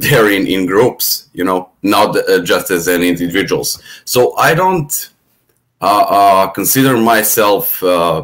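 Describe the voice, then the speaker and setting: A man with a Serbian accent and a very low voice talks as a podcast guest. He is thoughtful and halting, often restarting and repeating words as he works through his views. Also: a bit bright. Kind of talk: casual conversation.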